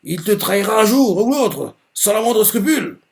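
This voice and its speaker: Man reading out a proud, intense young male wizard, pitched up and fervent. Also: animated, moderate pace, gravelly. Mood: scornful. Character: arrogant young male wizard, devoted to his father.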